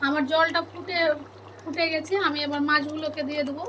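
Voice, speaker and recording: High-voiced woman narrating a cooking video. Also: brisk, noisy background. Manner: calm step-by-step narration, addresses viewers as friends. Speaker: cooking channel host.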